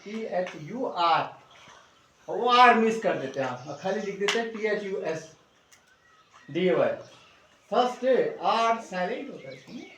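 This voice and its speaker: A middle-aged man teaches a class in a high, expressive, fairly bright voice, speaking a little slowly. He coaxes his pupils with constant check-ins, repeatedly asking "है ना?". The mic is distant in an echoey room, with faint noise.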